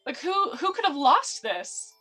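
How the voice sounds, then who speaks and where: A woman's voice: sits high, very animated, a little slow, bright, forceful tone, faint music behind, voice pushed up, full character voice. A woman voicing an eager male mailman who speaks with overly polite earnestness. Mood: politely fussy.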